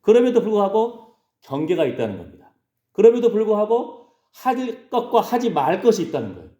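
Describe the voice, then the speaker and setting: A man's voice: high-pitched, wildly swooping pitch, fairly quick, warm tone, echoey room. A male pastor preaching a sermon in a conversational way, often checking in with the congregation. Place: church sanctuary.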